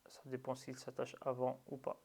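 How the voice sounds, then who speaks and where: A man teaching a slow, patient lesson, drilling syllables with long drawn-out sounds. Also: medium pitch, monotone, creaky, dark tone, breathy edge. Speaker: Arabic reading teacher.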